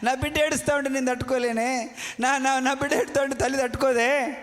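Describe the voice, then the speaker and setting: A woman's voice: sits high, steady tone, fast, lightly acted. A man preaching voices a jealous, self-pitying older mother-in-law in a whining, singsong lament. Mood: complaining. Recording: echoey hall.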